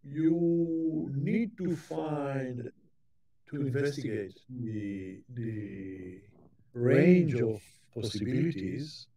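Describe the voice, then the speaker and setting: A man giving a conference keynote lecture, talking in a halting way with frequent restarts and repeated words. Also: mid-range voice, warm tone. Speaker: keynote speaker.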